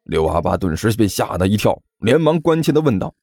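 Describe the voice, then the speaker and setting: A man narrating a comic storybook, voicing characters with lively shouts. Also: fairly low pitch, a little fast, creaky, faint music behind. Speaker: audiobook narrator.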